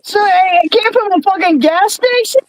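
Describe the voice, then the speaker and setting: High-voiced woman cracking profane jokes. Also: background noise. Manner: quick, profane reactions. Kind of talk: casual chat.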